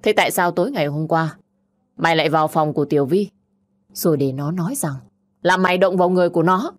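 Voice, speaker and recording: A woman voicing a hoarse, furious old grandfather. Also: on the low side, fast, natural voice. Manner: scolding, barking orders. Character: stern elderly grandfather, hoarse and quick-tempered.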